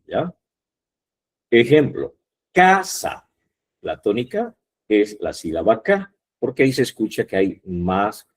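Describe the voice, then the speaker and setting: Man, teacher, lecturing, husky, lively pitch, repeats himself to check understanding. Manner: explanatory, repeats points, checks with "¿ya?". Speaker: university language teacher. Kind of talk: online class lecture.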